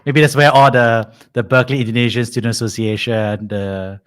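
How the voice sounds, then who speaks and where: A man's voice: medium pitch, level tone, brisk, smooth. A man hosting a podcast, upbeat and enthusiastic, with frequent "uh" fillers as he asks his questions. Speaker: podcast host. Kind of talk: casual interview hosting.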